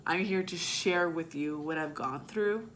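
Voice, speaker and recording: Addressing her viewers straight on in a personal vlog, this young woman has a low voice with a bright, forceful tone and a raw, blunt style full of swearing. She speaks a little slowly, with slight background noise.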